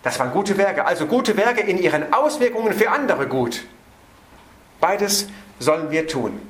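A man preaching an evening sermon on a Bible passage. He stresses words by slowing down and hurries through his asides. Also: high voice, very animated, roomy sound.

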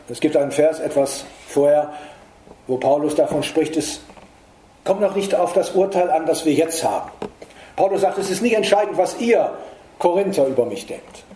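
A middle-aged man preaching a sermon in earnest, emphatic tones, rising in pitch to stress his points. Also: warm tone, a little hiss or hum. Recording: echoey room.

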